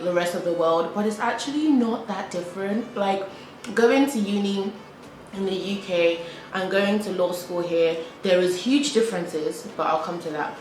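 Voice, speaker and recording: In an echoey room with a faint hum behind her, a chatty young British woman with a lowish voice talks casually to camera while eating. She repeats herself a lot and uses "like" frequently.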